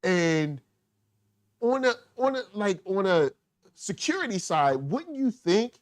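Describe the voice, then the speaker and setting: A man hosting a casual TV review chat, animated and laughing, often acting out the characters' lines. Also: high voice, takes it slowly, no room sound, clean studio sound. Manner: animated, laughing, acts out quotes. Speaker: podcast host.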